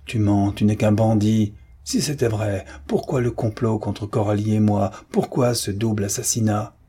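A man playing a young army officer who speaks with forceful, hostile urgency. The voice stays low, dark and husky. It is an audiobook reading. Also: steady tone, normal speed. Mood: furious. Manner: forceful, aggressive outbursts.

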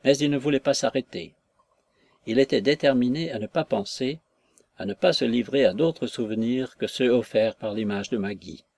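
A man's voice: medium pitch, normal speed, vocal fry, a little mellow. Man narrating a classic novel. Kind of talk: audiobook narration.

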